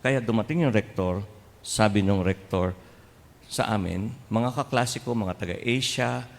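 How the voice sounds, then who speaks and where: A man's voice: lowish voice, unhurried, creaky. A Filipino man in his sixties, a priest giving a humorous homily and telling stories with playful mimicry. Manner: humorous, animated storyteller who mixes in mimicry and chuckles. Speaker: priest and seminary formator. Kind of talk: homily with personal storytelling. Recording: long hall reverb, faint ambience.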